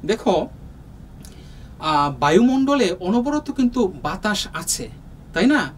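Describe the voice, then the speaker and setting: Slow, patient Bangladeshi man teaching. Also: high-pitched, sing-song, recorded from a distance, rough recording. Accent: Bangladeshi Bengali. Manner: slow, patient, with many pauses and fillers. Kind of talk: explaining a lesson to young students. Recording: voice from off the mic, faint room noise.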